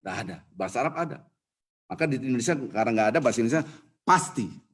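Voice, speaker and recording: A man preaching to a mosque congregation, driving points home with repeated words and dropping to a hushed pleading voice when acting out prayers. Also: medium pitch, lively intonation, very fast, husky. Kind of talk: Islamic sermon to a congregation.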